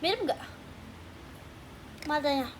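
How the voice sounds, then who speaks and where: Playful high-voiced teenage girl. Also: animated, takes it slowly, slight background noise. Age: teens. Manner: playful, teasing, chatty with fans. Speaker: idol livestream host. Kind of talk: casual livestream chat with viewers. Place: at home at night, keeping voice down.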